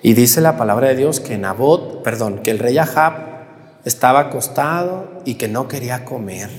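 A man with a Mexican accent preaching a sermon, animated, asking the congregation questions and answering them himself. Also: medium pitch, normal speed. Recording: long hall reverb.

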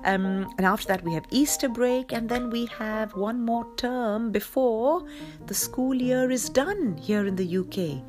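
A woman's voice: a little high, lively intonation, measured pace, over music. A woman hosting a story show for children, reading and chatting in a cheery, affectionate way as she addresses young listeners.

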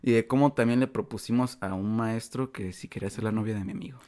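A man's voice: fairly low pitch, fairly even intonation, quick pace, a little mellow. A young man with a Mexican Spanish accent, co-hosting a podcast and telling a story in slangy, casual chat, laughing often and swearing freely. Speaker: podcast co-host.

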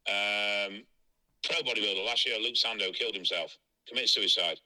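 Blunt guy on the phone, kinda tinny and sharp, just says it straight. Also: fairly low pitch, normal speed. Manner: blunt, frank and matter-of-fact. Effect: heard over a phone line. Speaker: interviewee. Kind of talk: candid phone interview.

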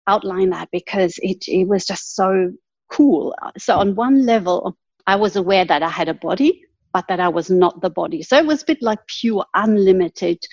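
A woman with a husky, slightly breathy voice at a middle pitch tells her story earnestly and laughs lightly now and then. The sound is dry and close, with a dull, lo-fi tone. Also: darkish tone, no room sound. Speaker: guest. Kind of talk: reflective storytelling in an interview.

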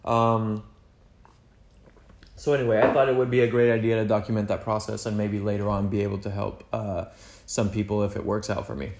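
This young podcast co-host, a native Spanish speaker, talks fairly quickly in a lowish, darkish voice with flat delivery. The echoey room carries his rambling casual chat, which is thick with "like" and "you know."

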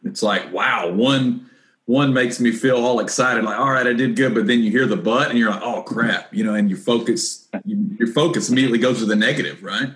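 A man in a casual group discussion, reflecting out loud on what was just said. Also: mid-range voice, a little fast.

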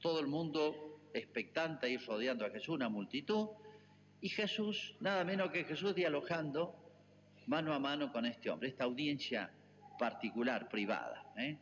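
An Argentine priest delivers a homily with a lively, rising and falling voice, turning often to his listeners. His words ring out with a long church reverb, and the recording sounds muffled and lo-fi. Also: medium pitch, normal speed, slight background noise. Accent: Argentine Spanish. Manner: earnest preaching, addresses the congregation directly.

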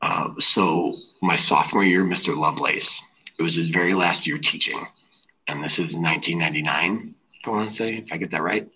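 Very deep-voiced man, husky and bright. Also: a little fast, poor audio. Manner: rambling, filler-heavy, laughs easily. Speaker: teacher, podcast guest. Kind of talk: casual chat. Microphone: headphones on an online call.

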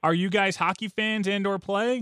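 A man's voice: high voice, fairly even intonation, moderate pace, pushed and bright, clean tone, no echo, studio quality. A man hosting a podcast, telling rambling, joking stories in a casual chat. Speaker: podcast host.

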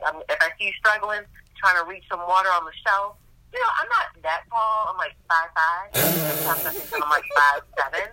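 A woman co-hosting a podcast in casual chat, animated and chatty, with frequent exclamations. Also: fairly low pitch, poor audio. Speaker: podcast co-host.

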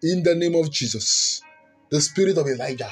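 A man's voice: fairly high pitch, animated, moderate pace, husky. A man preaching as a commanding faith healer, praying and prophesying fervently with repeated phrases and bursts of speaking in tongues. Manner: forceful, commanding faith healer casting out spirits; repetitive, fervent incantatory phrasing. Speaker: preacher and prophetic minister leading prayer. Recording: music under the voice. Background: background music.

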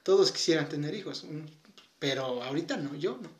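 Young Mexican man, casual chat, slightly high voice, roomy sound. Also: lively intonation, fairly quick. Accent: Mexican Spanish. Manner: agreeable, slangy, laughs along. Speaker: conversation partner.

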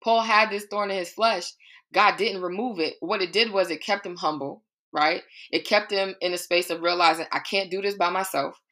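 Bright-voiced woman sharing faith reflections. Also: lowish voice, moderate pace. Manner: conversational, animated, preachy asides. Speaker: podcast host. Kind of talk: faith-based personal reflection.

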